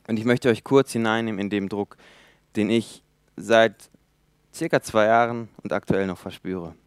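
Young man in his twenties preaching, resonant voice, dry close sound, emphatic with loud and quiet swings. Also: medium pitch, clean tone, no room sound. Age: 20s. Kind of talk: sermon.

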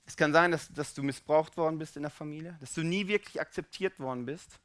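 A man preaching a casual, colloquial sermon, swinging between loud urgent pleas and quiet, intimate low passages. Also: a little fast. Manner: casual colloquial speech with fillers.

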